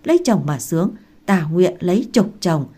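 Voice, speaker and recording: Woman doing a gruff old country granny, loud and bossy, warm low voice. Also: lively intonation, normal speed. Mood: scolding. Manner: scolding, coarse, loud.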